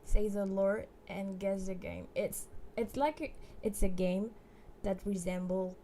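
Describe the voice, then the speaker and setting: A woman's voice: mid-range voice, unhurried, mellow, a little hiss or hum. A woman streaming live, chatting casually and hesitantly with many fillers and restarts. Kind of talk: casual livestream chat.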